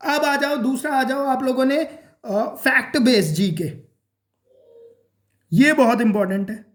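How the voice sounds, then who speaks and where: A man giving a casual exam-prep lesson, repeating his points and checking in with "okay?" and "clear?". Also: very high voice, a little slow, echoey room. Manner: repeats points, addresses viewers as guys and friends.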